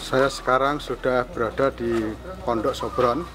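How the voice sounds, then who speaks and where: A man's voice: mid-range voice, fairly even intonation, unhurried, loud music behind the voice. An Indonesian man in his sixties presenting a vlog and casually interviewing people as a university rector. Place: campus lobby and outdoors. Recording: echoey location sound with clear noise.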